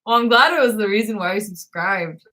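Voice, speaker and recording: A woman with a naturally deep, low voice chatting casually on a livestream, halting and peppered with "like". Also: bright, forceful tone. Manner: halting and searching, peppered with 'like'. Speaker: livestream co-host.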